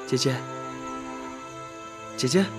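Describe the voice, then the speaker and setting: An actor playing a devoted, earnest young man who speaks softly and coaxingly, pleading with the woman he loves in a TV drama. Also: slow pace, music in the background, close to an everyday voice. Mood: gentle. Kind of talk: TV drama dialogue. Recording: loud film score behind dialogue.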